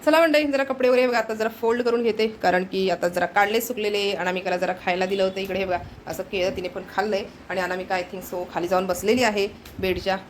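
Here the woman speaks fast in a mid-range voice with fairly even intonation, over slight background noise. She's a vlogger chatting casually to viewers directly on camera at home, occasionally cooing to her pet, and her voice is low from fasting.

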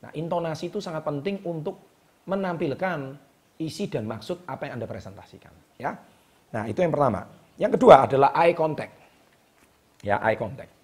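A man hosting a motivational talk straight to the camera, emphatic and repeating key words with a drawn-out "ya". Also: fairly high pitch, animated. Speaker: host. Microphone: speaking straight to the camera.

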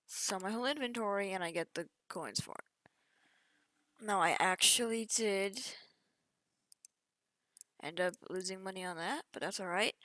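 A young woman gaming YouTuber casually walks through a game update over screen capture, chatty and offhand, often trailing off mid-sentence. Her mid-range voice is fairly bright, with no echo.

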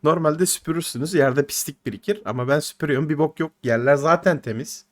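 Young man from Turkey in his twenties, high-voiced and rapid, slangy storyteller who swears and talks to the guys. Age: 20s. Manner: animated, slangy, swearing, addresses listeners as guys. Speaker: podcast storyteller. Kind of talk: casual anecdote storytelling.

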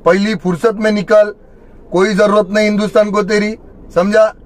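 A man playing an angry, scornful patriotic man who orders someone out in a shouting voice. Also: high-pitched, flat delivery, normal speed, lightly acted.

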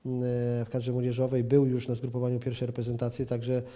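Speaking into a handheld reporter's mic in an office room with a plant, a football pundit in his forties fields TV interview questions hesitantly, with frequent fillers and restarts. His voice is mid-range and warm, delivered in a monotone at a slightly fast pace.

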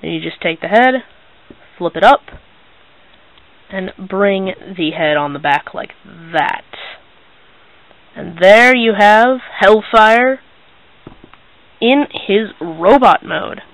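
Teenage boy, casual toy reviewer, slow, halting, low-key, dry room. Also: animated, a bit bright, no echo, rough recording. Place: small bedroom, indoors.

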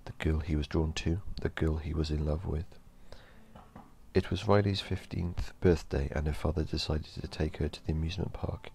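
A man narrating a horror story in a slow, measured storytelling delivery. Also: a bass voice, fairly even intonation, gravelly, darkish tone, slight background noise.

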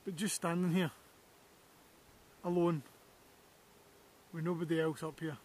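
An enthusiastic, reflective Scottish landscape photographer talks to the camera on an outdoor walking vlog across a snowy hillside. His voice is on the high side and darkish, with little pitch movement and an unhurried pace.

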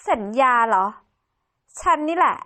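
Brief: a high, sugary, scheming young mistress in a game drama, as a woman plays her. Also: pushed and bright, heavily acted. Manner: sly, sugary.

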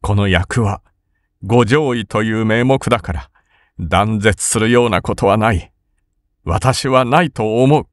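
A man's voice: lowish voice, a little slow, no room sound, clean studio sound, pitched above the performer's own voice, lightly acted. A man voicing a timid samurai older brother who is frightened but determined, speaking in a trembling, urgent voice. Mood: shaky resolve.

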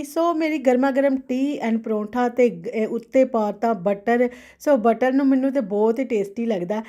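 A woman's voice: high voice, dark tone. A woman with a Punjabi accent chatting casually for a home vlog, chirpy and exclaiming, dropping English phrases into her talk. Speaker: daily vlogger.

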